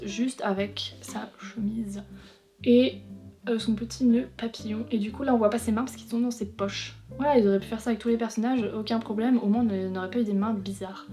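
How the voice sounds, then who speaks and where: A young woman chatting casually as a vlogger, reviewing figurines in a frank, teasing way that is quick to complain. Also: a little high, steady tone. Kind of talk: casual chatty unboxing commentary. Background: faint background music.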